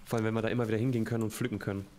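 A man's voice: fairly low pitch, little pitch movement, racing, darkish tone, a little hiss or hum. A man playing a co-op survival game with a friend, chatting casually and grumbling and swearing when things go wrong. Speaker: co-op gaming partner. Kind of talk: casual co-op gaming chat.

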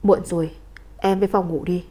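A woman voicing a cold, commanding male crime boss in a storybook reading, speaking in a calm, clipped, firm way. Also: on the low side, normal speed, breathy edge.

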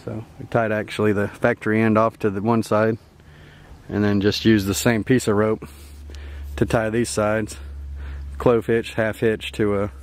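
On a handheld camera outdoors, a young camping vlogger gives a rambling, easygoing tour of his riverside campsite, chuckling often. His voice sits fairly low, with a level tone and an unhurried pace. It's a casual outdoor camp tour, and faint outdoor noise can be heard.

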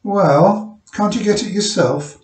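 A man voicing a plump, sharp-tongued miner's wife who talks with a sneering twang. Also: high-pitched, slow, roomy sound, distant mic, pitched above the performer's own voice.

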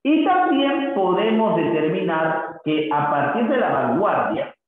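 A man teaching a literature class in a slightly high voice. He keeps checking in with his listeners through tag questions and stretches recited verses into a sing-song drawl. The sound is thin and phone-like, with heavy echo. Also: very animated, measured pace, faint music behind. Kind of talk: classroom lecture.

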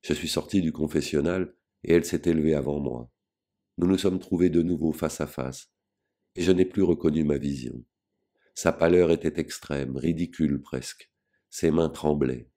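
Guy reading a novel out loud, really deep dark voice, slow and grave. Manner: measured, grave first-person reading. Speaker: audiobook reader. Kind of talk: literary audiobook narration.

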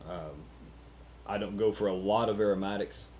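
A man in his thirties chatting casually and unscripted to camera as a vlogger, halting and ruminative, often repeating words, on noisy webcam audio. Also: on the low side, a little mellow. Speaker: pipe-smoking vlogger.

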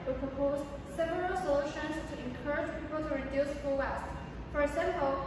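A teenage girl from Taiwan reads her part of the English presentation deliberately, her voice notably high. She stands far from the microphone in a hall with heavy reverberation. Clear background noise runs under her. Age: teens. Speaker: student presenter. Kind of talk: reading a scripted English presentation. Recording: echoey hall from far off, noisy.

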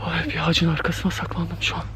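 A man's voice: on the high side, monotone, fast, fairly bright tone, a little hiss or hum. A man vlogging with a handheld camera in an empty park at night, nervous and talking straight to his viewers. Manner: nervous, talks to viewers directly. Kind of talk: night-time scare vlog to camera.

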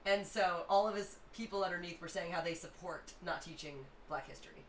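A woman in her thirties with a slightly hoarse voice, hosting a casual livestream and chattily reacting to viewer comments. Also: on the low side, fairly quick, distant mic. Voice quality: hoarse, rough-edged. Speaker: livestream music host. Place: small home music room, indoors. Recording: roomy, off-mic, faint background noise.

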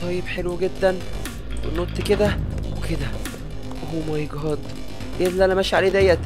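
An Egyptian-accented man gives rapid, excitable let's-play commentary. He gets jumpy and keeps addressing his viewers. Clear game music plays underneath. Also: sits high. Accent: Egyptian Arabic. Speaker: gaming YouTuber.

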